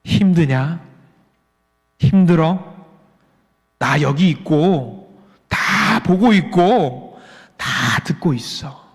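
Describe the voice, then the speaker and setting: God as a fatherly deity, voiced by a male pastor inside a sermon, threatening when he scolds and hushed when he comforts. The voice sits high for a man. A long church-hall reverb trails every phrase. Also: expressive, normal speed, few pauses. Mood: gentle. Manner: threatening when stern, hushed and soothing when gentle.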